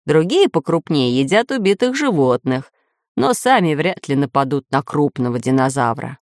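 An eager, learned professor read by a woman in a storybook. He explains patiently in a voice close to the reader's own, lively in pitch and dry. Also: normal speed, no echo. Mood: lecturing. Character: excitable learned male professor geographer.

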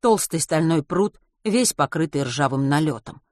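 Low-voiced woman reading a story. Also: animated, moderate pace, darkish tone, no echo, studio quality. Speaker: narrator. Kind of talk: audiobook narration.

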